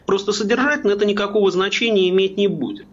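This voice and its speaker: A man giving political commentary as a guest, pausing constantly with drawn-out hesitations between words. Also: sits high, lo-fi sound.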